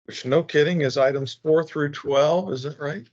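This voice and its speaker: A man chairing a public board meeting, speaking procedurally and haltingly as he works through formal business. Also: fairly high pitch, a little mellow. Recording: muffled, band-limited meeting recording.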